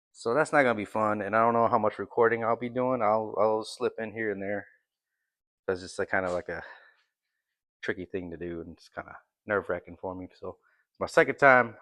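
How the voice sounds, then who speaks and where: Low-voiced man muttering in his garage. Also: moderate pace, pauses often, fairly bright tone. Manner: muttering to himself while working. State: out of breath. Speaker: vlogger working on his truck axle. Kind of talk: casual workshop vlog. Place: garage workshop, partly outdoors in wind.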